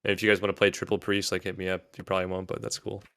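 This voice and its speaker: A man with a very deep, gravelly yet smooth voice joins a casual gaming chat. He talks in an offhand, wry, self-deprecating way. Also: flat delivery, very fast, fairly bright tone. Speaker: guest streamer.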